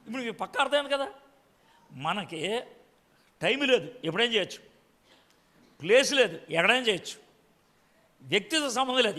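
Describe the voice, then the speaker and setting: A man's voice: very high voice, sharp tone, big-room sound. A man preaching a sermon, quizzing his congregation with frequent direct questions.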